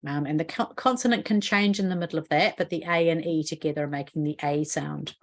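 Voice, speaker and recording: Speaking a little fast in a low voice, a woman with a New Zealand accent teaches a spelling rule in an instructional video. As a literacy educator she is patient and explanatory, regularly asking the viewer questions.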